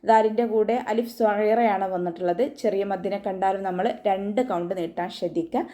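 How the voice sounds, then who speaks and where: Woman teacher with a warm, mellow voice and a medium pitch, giving calm step-by-step recitation instructions. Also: a little fast. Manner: calm step-by-step instruction with frequent tag questions. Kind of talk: online tajweed lesson.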